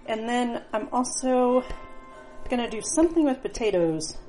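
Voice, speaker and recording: A woman's voice: on the high side, lively intonation, moderate pace, warm tone, soft background music. A middle-aged woman talking casually while she cooks in her home kitchen, thinking aloud and chatting as she works. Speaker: home cook. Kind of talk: casual cooking vlog narration.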